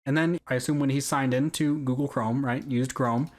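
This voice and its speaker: A man's voice: medium pitch, steady tone, normal speed. Casual man explaining things. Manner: conversational, explanatory, often checking with "right?". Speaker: video creator walking through an account hack. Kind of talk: casual screen-recording commentary.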